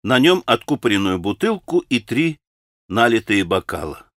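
A man from Russia narrating a classic novel as an audiobook in a measured, even manner. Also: lowish voice, no echo, clean studio sound.

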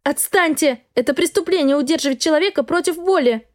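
A frightened young woman student pleads through tears in a high, strained voice, as a woman reads her in an audiobook. Her words come out sobbing and breathless, full of desperation. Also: fairly quick, no room sound, clean studio sound, close to an everyday voice. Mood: tearful. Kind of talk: audiobook dialogue.

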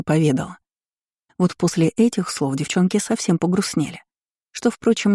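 A woman narrating a first-person audiobook in an expressive way. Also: fairly low pitch, no room sound, studio quality. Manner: expressive, acts out her own outbursts.

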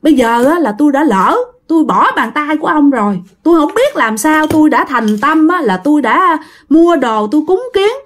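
A woman voicing a furious father who shouts and berates indignantly. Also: high-pitched, expressive, normal speed, pitched above the performer's own voice. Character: furious father, a grown man, cursing.

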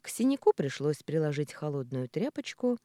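A woman reading a novel aloud as audiobook narrator, in expressive storytelling. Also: low voice, moderate pace, dry recording. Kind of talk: scripted narration.

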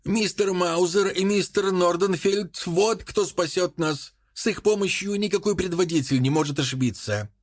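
A man voicing a brash, confident male dinner guest who speaks loudly and emphatically. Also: medium pitch, a little fast, no echo, clean studio sound, voice pushed up, natural voice. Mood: boastful. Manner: loud, emphatic.

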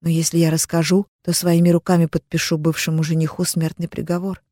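A woman reading a first-person audiobook in a soft, even, intimate manner. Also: on the low side, brisk, dry recording, studio quality. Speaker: audiobook narrator.

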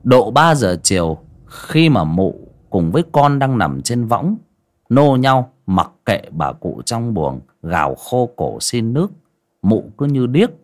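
A man narrating a ghost story in an expressive storytelling way. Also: medium pitch, takes it slowly. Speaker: audiobook narrator.

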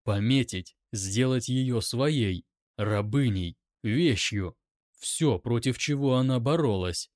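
A man's voice: mid-range voice, slow pace, darkish tone, dry recording, clean studio sound. A man reading first-person audiobook narration in a tense, dramatic way.

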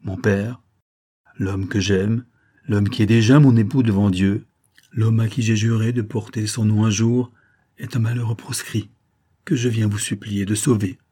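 A man's voice: on the low side, steady tone, measured pace, warm tone, husky. A man voicing a devoted young noblewoman who pleads with her father in an audiobook. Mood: firm, tender. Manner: pleading, earnest.

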